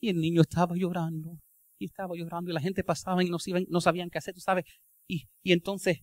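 High-voiced joking preacher. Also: male voice, level tone, quick pace, dry recording, clean studio sound. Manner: folksy, joking storyteller with rhetorical questions; mixes English words into Spanish. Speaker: pastor. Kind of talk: sermon.

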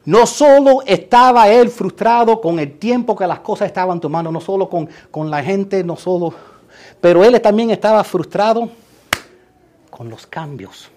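A middle-aged man, preaching a lively sermon and acting out quotes, sometimes shouting. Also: high-pitched, normal speed. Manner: animated, acts out quotes and shouts for emphasis. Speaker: pastor.

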